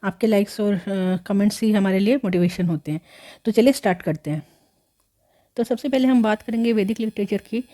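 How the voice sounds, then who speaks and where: A woman's voice: mid-range voice, normal speed, mellow. A woman giving a history lesson, explaining step by step with many fillers and self-corrections, mixing English words into her talk. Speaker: history teacher. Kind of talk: explaining lecture.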